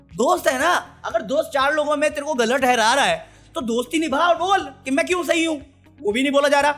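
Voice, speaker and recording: A man's voice: extremely high pitch, pushed and bright. A man giving blunt, heated, sarcastic commentary on a reality show. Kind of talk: ranting commentary.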